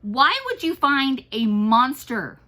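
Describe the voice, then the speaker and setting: Woman reading as a worried young possum boy, earnest, fretful, a little higher, storybook read-aloud. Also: lively intonation, normal speed, sharp tone. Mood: concerned. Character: cautious, worried young male possum brother.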